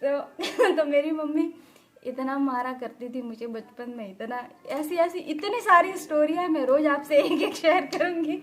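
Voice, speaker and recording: Young woman vlogging from home, high voice, keeps laughing through her story. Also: unhurried, a bit bright. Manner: laughs often while telling the story. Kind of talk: casual storytelling to camera.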